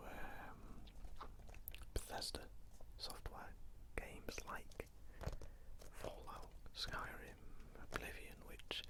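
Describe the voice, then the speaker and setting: ASMR host, fully whispered, ear-to-ear closeness, casual rambling chat, breathy unvoiced delivery. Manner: rambling, chatty asides. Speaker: ASMR video host showing a game collection.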